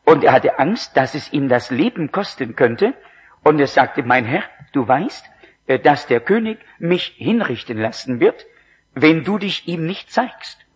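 A man preaching a sermon, slow and emphatic, his voice rising in exclamations. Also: on the high side, animated, breathy edge. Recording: dull lo-fi recording.

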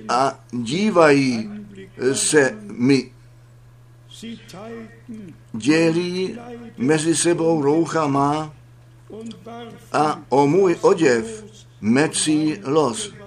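A man preaching a sermon to his congregation, reading scripture verses slowly and solemnly. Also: on the high side.

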